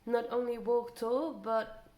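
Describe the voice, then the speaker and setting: A woman's voice: a little high, steady tone, takes it slowly, darkish tone. Musing woman tarot reader in an echoey room. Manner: musing, thinking aloud, trailing off and repeating phrases. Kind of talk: casual spoken tarot energy reading. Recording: roomy echo, clear background noise.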